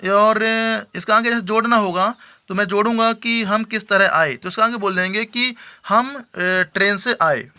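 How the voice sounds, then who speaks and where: A man with a high, very bright and sharp voice teaches spoken English. He explains patiently, checks in often with his learners and repeats his example sentences slowly. The recording sounds dull and lo-fi. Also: clear, resonant tone. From India. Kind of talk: Hindi-language English lesson.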